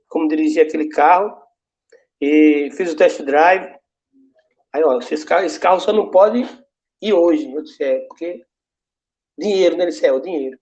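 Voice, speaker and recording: Male pastor, high lively voice, storytelling testimony, dull lo-fi sound. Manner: storytelling, acting out both sides of dialogues. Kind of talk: testimony preached to a congregation. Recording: dull lo-fi recording.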